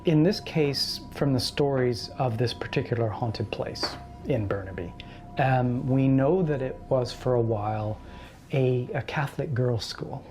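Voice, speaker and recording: A man, a paranormal researcher telling his experiences in a casual, animated way. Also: mid-range voice, measured pace, faint music behind. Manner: animated storyteller, acts out quoted voices. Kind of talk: casual storytelling interview.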